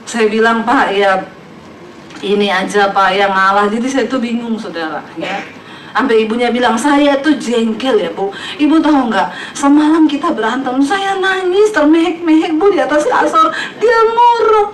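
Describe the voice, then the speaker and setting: Her voice is on the high side and her pace moderate as this woman pastor delivers a funny sermon to her congregation. She laughs frequently and plays the voices of characters in her stories, recorded distantly in an echoing church hall amid crowd noise.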